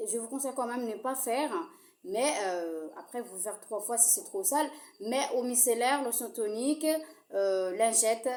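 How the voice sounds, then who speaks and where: A woman with a slightly raised voice walks viewers through a skincare routine in a casual, hesitant way, pausing on fillers. She speaks directly to the audience, and the sound has the ring of a bare, echoey room. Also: a little high. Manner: apologizes for her own accent. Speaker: skincare tutorial host. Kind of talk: casual how-to demonstration.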